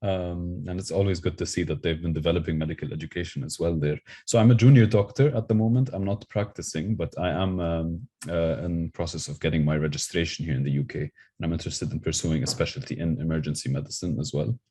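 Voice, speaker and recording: Young man, low voice, from Lebanon, polite, grateful, video call self-introduction. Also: steady tone, fast, few pauses, warm tone, slightly rough. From UAE and Lebanon. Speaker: junior doctor.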